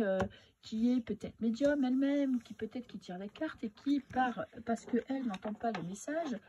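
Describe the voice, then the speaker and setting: A woman giving a casual tarot reading in a halting, advising way, her voice weak and husky from swollen tonsils. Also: a little high, dull audio, background noise. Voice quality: husky, not very powerful. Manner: hesitant, halting, advising listener directly. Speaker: tarot reader and medium.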